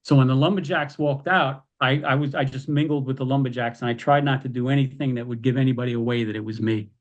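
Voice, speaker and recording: A man telling wrestling stories as a podcast guest, animated and acting out quoted lines. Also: mid-range voice, fast talker, dull audio. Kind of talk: casual storytelling.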